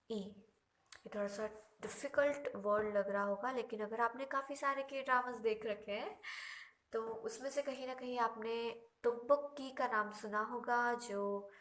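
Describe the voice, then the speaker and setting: A woman teaching a language lesson, explaining each example slowly and patiently, with drawn-out repetitions. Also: a little high, fairly bright tone. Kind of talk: Korean lesson explained in Hindi.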